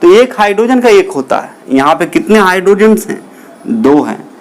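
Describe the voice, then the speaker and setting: Guy teaching chem, kinda high voice, keeps asking stuff and answering it himself. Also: very animated, normal speed. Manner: asks questions then answers them himself, repeats key terms; calls listeners children. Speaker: chemistry teacher. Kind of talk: classroom lecture.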